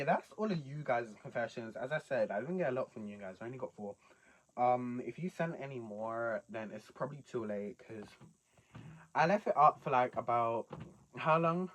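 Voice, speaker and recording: On a rough recording, a young Brit hosts a video at normal speed, their medium-pitched voice sing-song. They chat casually and respond to confessions with disbelieving, slang-filled rhetorical questions.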